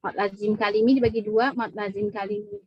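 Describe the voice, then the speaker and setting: A woman's voice: mid-range voice, flat delivery, brisk, husky, no room sound, lo-fi sound. A woman teaching a tajwid lesson in a mosque class, patient and repetitive, often checking in with her listeners. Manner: patient, repeats points with frequent "ya" checks. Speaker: Quran recitation teacher.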